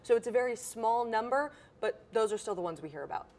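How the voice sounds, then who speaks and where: A woman's voice: a little high, animated, fast talker, darkish tone. A woman news reporter in a studio debrief, talking earnestly and explaining what she saw on a ride-along.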